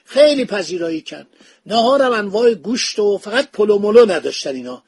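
A man's voice: high-pitched, lively intonation, breathy edge, no room sound. A man speaking, retelling a historical travel account in a casual storytelling manner as a podcast host. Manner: anecdotal retelling, acts out quoted dialogue. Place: home study with bookshelves.

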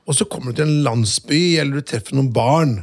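A man hosting a podcast, talking casually and hesitantly with many restarts. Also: medium pitch. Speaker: podcast host. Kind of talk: casual interview chat. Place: studio in a city.

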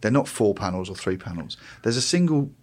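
A man's voice: on the low side, lively intonation, fairly quick, a little mellow. A man with a British accent, discussing culture discursively and slipping into imagined quotes as he explains. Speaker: panel commentator.

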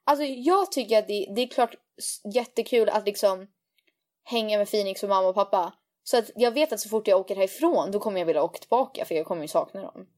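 A young woman co-hosting a podcast, chatting casually and animatedly, dropping English phrases into her talk. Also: mid-range voice. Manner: animated, mixes in English phrases, lots of fillers. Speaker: podcast co-host. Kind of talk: casual chat.

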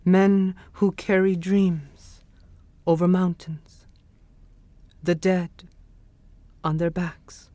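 A poet speaking softly, then reading a poem aloud in a measured way with long pauses. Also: male voice, high voice, little pitch movement, dry recording. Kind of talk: poetry reading.

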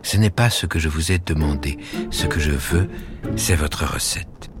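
A man voicing a calm, wealthy foreign gentleman who speaks in a hushed, measured way. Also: very deep voice, loud music behind the voice. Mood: insistent. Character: wealthy foreign male guest, calm and insistent. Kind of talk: storybook reading.

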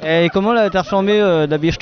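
Man, festival podcast host, roving interviewer, jokey and teasing, lots of fillers, higher voice, muffled recording. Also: quick pace.

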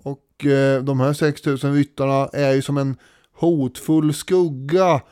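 A man co-hosting a podcast, retelling history in a casual, animated way with many fillers. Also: mid-range voice, clear, resonant tone, no echo, clean studio sound. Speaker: podcast co-host.

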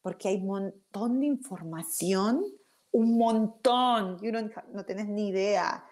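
A woman giving a lively explanatory talk, tagging her sentences with "ok?". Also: mid-range voice, unhurried. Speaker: speaker teaching about emotions.

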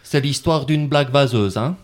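A man's voice: mid-range voice, moderate pace, close to an everyday voice. A man putting on a Belgian French accent to play a corny male stand-up comic who tells bad jokes in a hammy way. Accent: put-on Belgian French.

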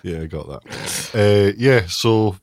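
A man co-hosting a podcast, delivering dry deadpan jokes with hesitant ums. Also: fairly low pitch, takes it slowly, dry recording. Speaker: podcast co-host. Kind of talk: casual chat.

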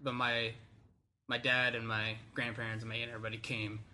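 A man's voice: mid-range voice, level tone, a little fast, a crowd in the background. A man from Florida hosting a podcast, chatting casually, giggling and saying "like" constantly. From Florida, USA. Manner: giggly, heavy use of "like". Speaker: podcast host. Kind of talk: casual chat.

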